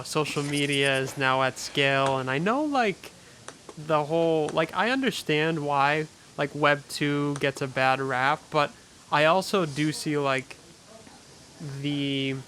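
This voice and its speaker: Bright-voiced male podcast host. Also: mid-range voice, rough recording. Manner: laid-back, heavy use of "like". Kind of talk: casual interview chat. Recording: faint hiss.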